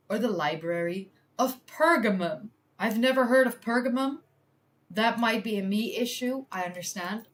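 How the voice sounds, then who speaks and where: A woman from the Netherlands, a native Dutch speaker, chatting on a live stream while she works through a history quiz. She thinks aloud, laughs often and pokes fun at herself. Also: medium pitch. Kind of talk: casual live-stream chat.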